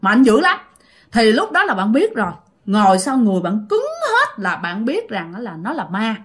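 A woman's voice: a little high, sing-song, moderate pace, a bit bright. A woman with a Southern Vietnamese accent hosting a channel, retelling listener-sent ghost stories in a chatty, repetitive way that speaks directly to the audience. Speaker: storyteller host.

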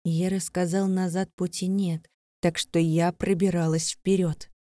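A woman's voice: on the low side, little pitch movement, unhurried, warm tone, dry recording. A woman narrating a first-person fantasy audiobook in a tense, breathless, dramatic way.

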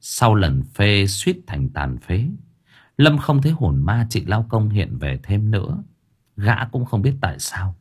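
A man narrating a scripted audiobook story in an expressive storytelling manner. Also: fairly low pitch, a little slow, breathy edge.

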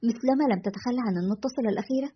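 A woman voicing an indignant woman radio producer who talks in a scornful, sharp manner. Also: fairly high pitch, rapid-fire, slight background noise, natural voice. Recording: dull lo-fi recording.

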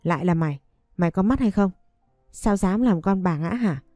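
A woman's voice: on the low side, expressive, normal speed, dark tone, dry recording, soft background music, natural voice. A woman voicing a cruel older mistress who berates and threatens a servant. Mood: harsh. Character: harsh cruel older mistress, bullying and shouting.

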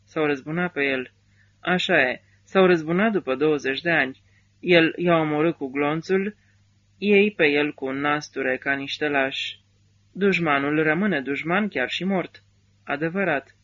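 A worn-out army driver mourns a comrade in bitter, weary words, as a male reader puts him on. His voice is bright and a little high. The audiobook recording sounds dull and lo-fi. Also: natural voice. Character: grieving middle-aged male army driver.

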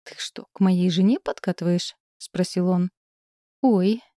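A woman's voice: lowish voice, steady tone, measured pace, dark tone, no echo, studio quality. A woman narrating a novel in first person, voicing the dialogue expressively. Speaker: audiobook narrator. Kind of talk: scripted narration.

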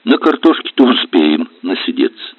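A man's voice: low-pitched, big pitch swings, moderate pace, no room sound. A man voicing a blunt, short-tempered middle-aged river captain in a storybook reading. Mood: softened. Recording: tinny dry lo-fi audio.

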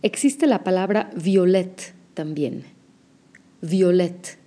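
A woman teaching an audio language lesson, explaining pronunciation slowly and carefully. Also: fairly low pitch, warm tone.

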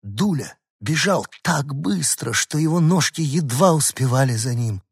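A man narrates a children's story in the first person with an animated, expressive delivery. His voice is husky and mid-pitched. The recording is dry and close. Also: measured pace, no echo. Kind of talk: scripted narration.

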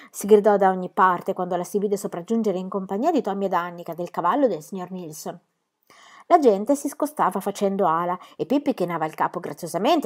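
A woman reads a children's storybook aloud at a middling pitch. Her narration is calm and expressive. She keeps a steady storytelling pace throughout. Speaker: reader. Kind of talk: storybook reading.

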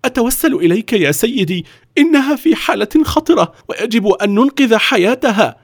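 A man's voice: on the high side, very animated, a little fast, darkish tone, no echo, studio quality, voice pushed up. A man voicing young Gandhi, pleading desperately for help, in a storybook reading.

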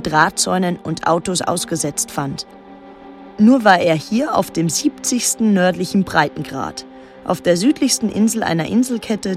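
In a literary radio drama, an actress with a lowish voice narrates as a solitary, watchful island woman. Her delivery is measured, restrained and introspective.

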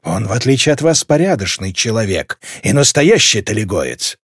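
A man's voice: lowish voice, very animated, normal speed, a bit bright, husky, no echo, clean studio sound, pitched below the performer's own voice, full character voice. A man voicing a bewildered, deposed male king in an audiobook. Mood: weary. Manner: confused, hesitant.

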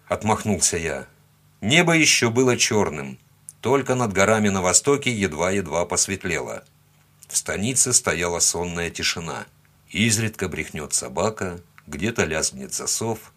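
A man's voice: sits low, fairly bright tone. A man narrating a first-person story as an audiobook, telling it expressively and giving the quoted lines their own tone.

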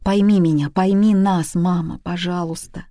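A woman's voice: fairly low pitch, fairly even intonation, moderate pace, dark tone, no room sound, studio quality, natural voice. A woman reading the part of a desperate daughter around thirty who pleads urgently and emotionally with her mother in a story. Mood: pleading.

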